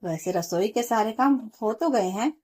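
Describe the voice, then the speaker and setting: A woman's voice: on the high side, expressive, moderate pace, a little mellow. A woman voicing a bossy scolding mother-in-law.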